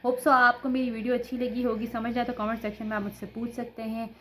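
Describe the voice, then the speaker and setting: A woman's voice: fairly high pitch, level tone, fast, pushed and bright, slight background noise. Patient woman teaching knitting, sore-throated. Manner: patient, repeats "ठीक है" as she demonstrates. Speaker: knitting instructor. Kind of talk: step-by-step craft tutorial.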